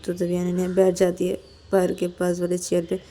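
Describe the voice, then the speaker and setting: A woman's voice: lowish voice, completely flat delivery, moderate pace, mellow, slight background noise. A woman narrating a romantic story in a plain, running way. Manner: plain, running narration with many "to tabhi" links.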